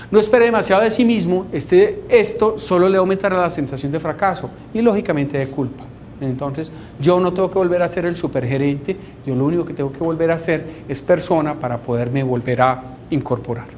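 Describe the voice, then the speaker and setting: A man's voice: a little high, darkish tone, a little hiss or hum. Wry Colombian man giving a lecture. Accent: Colombian Spanish. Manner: conversational and wry, often checking in with "¿sí?". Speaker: doctor treating depression. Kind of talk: informal lecture on depression.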